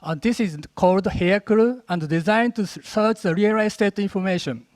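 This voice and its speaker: A man with a Japanese accent giving a rushed, animated lightning talk with a live demo at a conference. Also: sits high, dry recording. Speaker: conference speaker. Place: conference stage.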